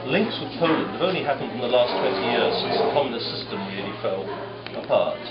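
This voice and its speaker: A man's voice: mid-range voice, lively intonation, quick pace, over loud music. A man from the UK with a British accent, giving an informal, self-deprecating and wordy introduction of himself to a group. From United Kingdom. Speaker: government advisor. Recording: echoey, muffled room with crowd noise.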